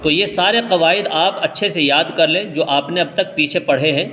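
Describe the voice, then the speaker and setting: Guy from india teaching quran reading, kinda high voice, spells letters slow then rushes the rules. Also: pushed and bright, in a large hall. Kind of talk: step-by-step recitation lesson.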